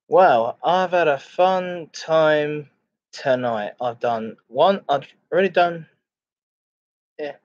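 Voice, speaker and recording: A man hosting a chat and ASMR stream casually welcomes viewers and goes through their comments. His speech is slow, halting and a little mellow, with phrases said more than once. The low-fidelity mic sounds muffled and dull.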